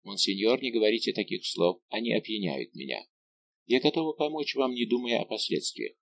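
A man reading an audiobook voices a young noblewoman who speaks softly and earnestly. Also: lowish voice, sing-song, fairly quick, creaky, slight background noise. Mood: tender. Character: young noblewoman, tender and resolute.

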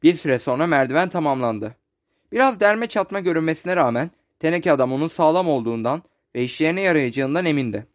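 A man narrating a children's storybook as an audiobook in a steady storytelling manner. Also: fairly high pitch. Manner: steady storytelling, slows for descriptions.

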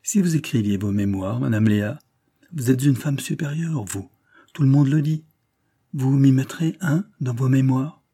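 A man's voice: medium pitch, normal speed, warm tone, breathy edge, pitched above the performer's own voice. A man reading aloud voices a talkative, impertinent rich young woman about to be married, in a lifted, teasing tone.

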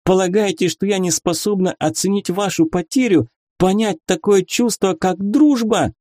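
A man reading a story aloud, voicing a proud young noblewoman who works as a nurse, in a raised, breathy voice. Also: medium pitch, lively intonation, normal speed, warm tone, dry recording, clean studio sound, pitched above the performer's own voice. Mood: indignant.

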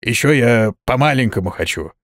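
A man's voice: mid-range voice, lively intonation, normal speed, fairly bright tone, dry recording, clean studio sound, lightly acted. A man reading the lines of a loyal, whiny male dwarf servant who complains a lot. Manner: complaining, plaintive.

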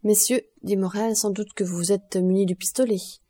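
A woman's voice: medium pitch, steady tone, normal speed, warm tone, dry recording, clean studio sound, lightly acted. A woman voicing a loyal, impetuous young soldier who speaks earnestly and with outbursts, in an audiobook. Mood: polite. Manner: earnest, exclaiming.

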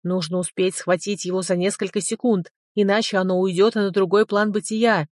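A woman's voice: mid-range voice, steady tone, normal speed, a little mellow, no room sound, studio quality, close to an everyday voice. A woman voicing a lazy, potbellied little male dragon who talks in brash, mocking slang. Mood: bossy.

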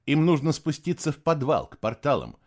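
A man reading an audiobook, voicing an eager young boy who pleads and shouts urgently. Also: a little high, very animated, a little fast. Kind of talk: audiobook narration.

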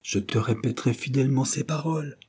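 A man's voice: mid-range voice, brisk, darkish tone, husky, voice pushed up. A man reading an ill, worried husband who reassures his wife with anguished sighs. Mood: reassuring. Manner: soothing, reassuring, sighing.

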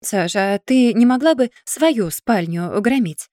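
A woman's voice: fairly high pitch, animated, measured pace, warm tone, no room sound, clean studio sound. A woman voicing a stern, patient older brother in an audiobook, talking firmly and lecturing. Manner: firm, lecturing.

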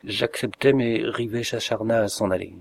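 A man reading a classic short story aloud as an audiobook narrator, in an expressive, measured way. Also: fairly low pitch, gravelly, no echo.

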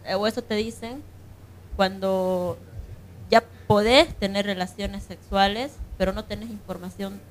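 A woman with a Bolivian accent takes part as a panelist in an unscripted radio discussion, speaking conversationally and often checking that others agree. Her mid-range voice keeps fairly even intonation and runs a little slow.

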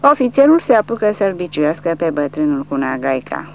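A woman narrating a war novel in an audiobook, her pitch rising and falling animatedly on a fairly low voice. The reading is dramatic and scripted. The recording sounds dull and lo-fi, with a faint hum underneath. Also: sing-song.

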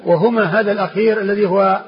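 A man's voice: high voice, steady tone, fast. A man, a sheikh, explaining a classical text to students, repeating phrases and restarting words as he teaches. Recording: dull lo-fi lecture recording with faint noise.

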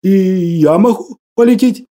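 A man's voice: high voice, unhurried, dark tone. A man voicing an old pious hermit who speaks in fervent, old-fashioned church language, bewildered by a strange new world.

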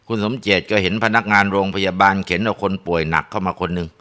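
A man narrating a ghost story in a relaxed way, with frequent tag particles and filler sounds. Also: sits low.

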